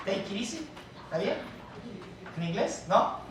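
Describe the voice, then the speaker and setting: A male pastor preaches with emphatic stresses that drop to quiet asides, addressing his listeners as brothers. His voice rings through a very echoey church hall, picked up from well away from the mic, with a faint hum of room noise behind. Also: high-pitched, very animated, unhurried, recorded from a distance. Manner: emphatic, swings from soft asides to loud stresses. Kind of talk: preaching a sermon.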